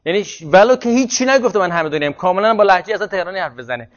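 A man with a fairly high voice explains a point at length in a seminar, answering questions as they come. The recording sounds muffled and lo-fi. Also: lively intonation. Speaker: teacher. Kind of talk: seminar lecture.

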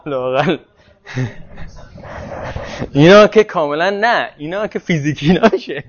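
High-voiced man lecturing in a seminar. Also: animated, highs cut off. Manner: explanatory, answers questions. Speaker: teacher.

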